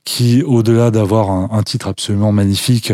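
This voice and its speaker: A man's voice: lowish voice, fairly even intonation, fairly quick, warm tone, no echo, studio quality. A man speaking as a guest on a casual radio interview, enthusiastic but hesitant, with many fillers. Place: radio studio.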